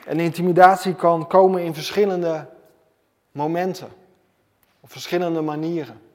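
A man preaches with emphatic, repeating phrases in a fairly high voice. His sermon rings out with a long reverb in a church hall. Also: steady tone, moderate pace. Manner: emphatic, repetitive preaching cadence.

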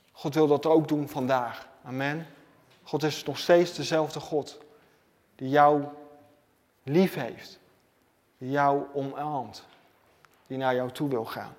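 A man's voice: a little high, a little mellow, long reverb tail. A man delivering an emphatic sermon as preacher, repeating key phrases in a preaching cadence.

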